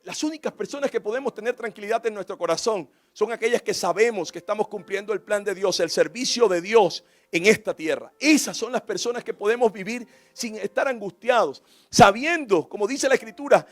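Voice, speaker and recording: A man's voice: high-pitched, dry recording. A man preaching a sermon as pastor, telling a personal story with rising, impassioned emphasis. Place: church.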